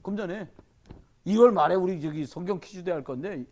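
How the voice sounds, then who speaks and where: A man's voice: high voice, brisk, darkish tone. A man preaching a sermon as the pastor at a Wednesday church service, urging and joking with the congregation.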